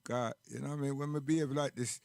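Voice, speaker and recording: A man's voice: medium pitch, fairly even intonation, fast talker, creaky, a little mellow, dry recording. A man with a Caribbean accent chatting casually in Rastafarian speech, emphatic and full of rhetorical questions. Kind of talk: casual chat and commentary.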